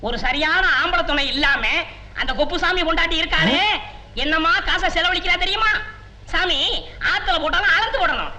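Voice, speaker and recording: A man's voice: extremely high pitch, a little fast, pushed and bright, a little hiss or hum, exaggerated voice. An actor playing a meek village man who timidly asks a holy man for advice. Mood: gossiping.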